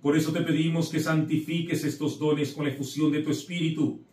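Speaking a little fast in a steady, slightly high voice with a darkish tone, a middle-aged priest offers encouragement in his sermon and then solemnly prays the Mass. The small indoor chapel with its altar is echoey, and he sounds far off.

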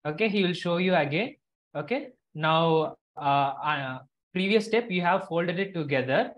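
This is a live instructional lesson on a video call: the teacher explains a craft to children one step at a time, going over directions again and making sure they keep up. Her mid-range delivery is animated and a little slow, and the audio is dull and lo-fi.

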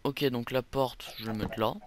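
A young man chatters his way through a gameplay session, rambling and poking fun at himself between tasks. His voice sits at an ordinary middle pitch. A steady hiss of background noise runs under the recording. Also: moderate pace. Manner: rambling, self-mocking, jokey asides. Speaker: gameplay commentator. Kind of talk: casual let's play commentary.

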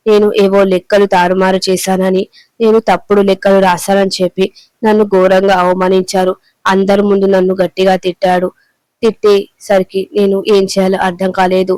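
A woman voicing a meek old male clerk who pleads that he is innocent, in a smooth, dry voice. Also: medium pitch, little pitch movement, moderate pace, a little mellow, no room sound, natural voice, low-quality recording. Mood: hurt. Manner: pleading, defensive.

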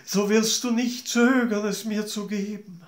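A man's voice: high-pitched, fairly even intonation, unhurried, pitched above the performer's own voice. A man voicing a vain, jealous queen who sighs and pleads plaintively, in a storybook tale. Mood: scheming. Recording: roomy echo.

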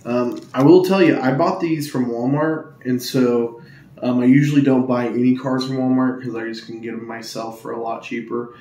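Hushed, monotone man opening cards. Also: mid-range voice, normal speed. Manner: monotone, hushed tone to avoid waking others; rambling with many ums and uhs. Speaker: Pokemon card opening YouTuber. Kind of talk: casual hushed pack-opening vlog. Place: at home indoors. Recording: echoey room with faint ambient noise.

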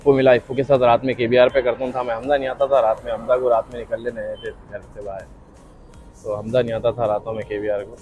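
A man's voice: mid-range voice, level tone, brisk, darkish tone. A young man, a vlogger telling a rambling story in casual chat and acting out the lines of the people in it. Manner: rambling, reenacts dialogue. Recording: dull lo-fi audio with faint music.

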